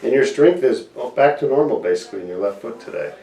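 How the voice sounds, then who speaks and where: This man is a surgeon who interviews a patient and explains procedures plainly, addressing viewers head-on. Quick and expressive, his mid-range voice has a warm quality. The recording comes from a distant microphone in a reverberant room.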